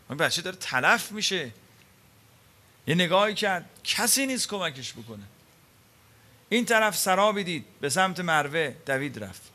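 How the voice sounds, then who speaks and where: A man preaching a sermon, telling stories dramatically with rhetorical questions, swinging between loud emphasis and hushed quiet. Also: a little high.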